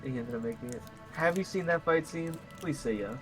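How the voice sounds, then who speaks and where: A man's voice: mid-range voice, brisk, music in the background, rough recording. A man chatting casually with fellow tabletop players on a live stream, rambling through many restarts and fillers, with crude, playful swearing.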